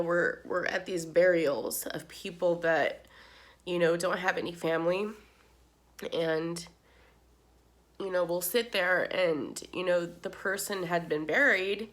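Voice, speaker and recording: Woman, middle-aged, lowish voice, crying, rambling casual chat, heartfelt. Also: a bit bright. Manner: rambling, many "you know"s, tearful and heartfelt. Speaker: makeup vlogger. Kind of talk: casual chat while doing makeup.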